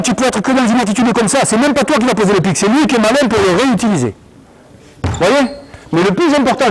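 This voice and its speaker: A male basketball coach running an on-court session, explaining drills and barking quick commands at players. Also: high-pitched, breathy edge, poor audio.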